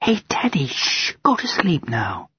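A man voicing a playful, excited little girl who squeals and shrieks in an audiobook. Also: fairly high pitch, a little slow, husky, dry recording, lo-fi sound, voice pushed up, exaggerated voice. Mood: calling.

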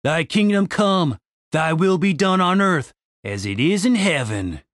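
A man voicing a gentle, pious young man who speaks softly and earnestly. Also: high voice, expressive, unhurried, no room sound, studio quality, pitched above the performer's own voice. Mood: reverent. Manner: soft, earnest, praying.

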